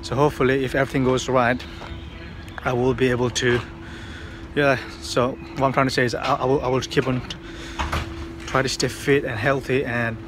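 A man's voice: mid-range voice, little pitch movement, moderate pace. Rambling man vlogging on a phone. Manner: rambling, many fillers and restarts. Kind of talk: casual vlog to camera. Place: outdoors on city streets, partly in a car. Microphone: phone held at arm's length. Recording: phone recording with clear street noise. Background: street and car noise.

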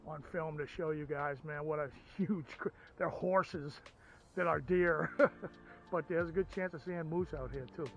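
This middle-aged outdoors and ham radio vlogger speaks at a fairly high pitch, filming himself on a handheld camera by a stream and at his parked car. His commentary is casual, folksy and brimming with excitement, though the audio sounds dull with a touch of hiss or hum.

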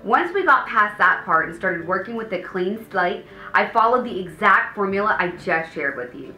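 Bright, polished woman host in a roomy space. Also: medium pitch, lively intonation, moderate pace. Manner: polished, enthusiastic, upbeat. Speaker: home design host. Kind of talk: scripted presentation to camera. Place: indoor studio set with paneled wall. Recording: roomy echo, faint background music.

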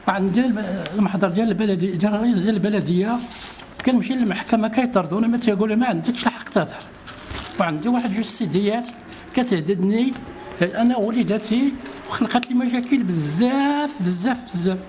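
A man's voice: high voice, darkish tone, slight background noise. A man with a Moroccan Arabic accent, a citizen pleading for help in a street interview and repeating his grievances insistently.

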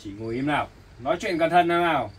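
A man's voice: on the high side, lively intonation, very fast, husky, distant mic, rough recording. A man playing a stern police officer who warns a woman to behave. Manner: stern, warning. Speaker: actor in a family skit.

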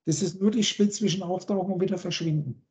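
Mellow-voiced woman lecturing on a call. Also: fairly low pitch, fairly even intonation, quick pace. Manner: lecturing, lists words and meanings in long chains. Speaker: teacher explaining word roots. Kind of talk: spiritual lecture on a video call. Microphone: video call.

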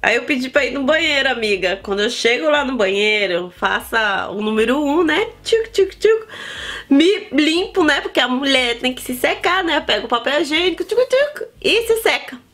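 A Brazilian woman in her thirties with a northern Brazilian accent, telling a story to camera in a relaxed vlog. Her voice sits high, and she talks in a chatty, animated way, often addressing her viewers as close friends. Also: moderate pace, hardly any pauses. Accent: Brazilian Portuguese, northern. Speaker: vlogger.

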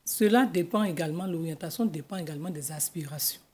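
A middle-aged woman with an Ivorian French accent, a school guidance counselor explaining things in a measured way in a TV studio interview. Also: deep voice, darkish tone, husky. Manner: measured, explanatory, gestures with her hands. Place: TV news studio. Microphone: desk microphone.

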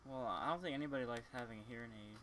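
Over heavy background noise, a man with a mid-range voice talks very fast while playing a block-building game. The let's play gamer keeps the chat casual, teasing his friends and swearing freely.

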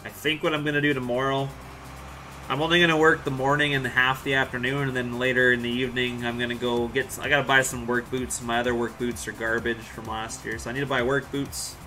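A man's voice: medium pitch, level tone, quick pace, pushed and bright, slight background noise. Laid-back man streaming a game. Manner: laid-back, rambling, joking with chat. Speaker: farming game live streamer. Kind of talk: casual live-stream chat with viewers.

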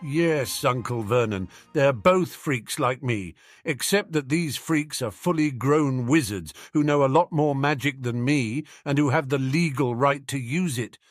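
A man's voice: medium pitch, a little slow, hardly any pauses, no room sound, studio quality, faint music behind, pitched above the performer's own voice, close to an everyday voice. A man voicing a defiant teenage boy wizard who speaks with cool, cutting contempt in an audiobook. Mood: cold contempt.

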